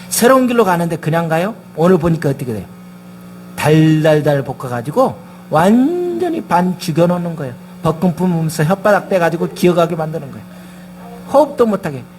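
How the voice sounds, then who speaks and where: High-voiced preaching male pastor. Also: a little mellow, slight background noise. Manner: emphatic, rhetorical questions to the congregation. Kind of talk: sermon. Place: church sanctuary.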